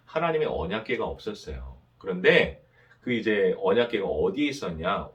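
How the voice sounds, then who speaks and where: A male pastor preaching to a young adults' service, asking rhetorical questions and having the congregation repeat after him. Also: fairly low pitch.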